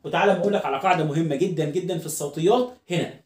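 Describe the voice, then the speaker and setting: A man's voice: on the high side, very fast, darkish tone, echoey room. A man with an Egyptian Arabic accent teaching an English phonics lesson. He drills each word again and again and keeps checking with his listener. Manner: drills words by repetition, asks the listener questions.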